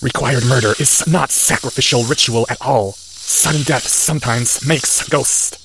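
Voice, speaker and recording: A man voicing a dying professor who has turned into a snake, speaking slowly in clipped, broken sentences. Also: mid-range voice, voice pushed up, close to an everyday voice. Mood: cold, scornful. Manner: slow, hissing, broken clipped grammar.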